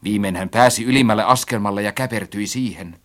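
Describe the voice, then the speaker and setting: A man narrating a story as an audiobook, reading expressively and acting out his own quoted lines. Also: fairly low pitch.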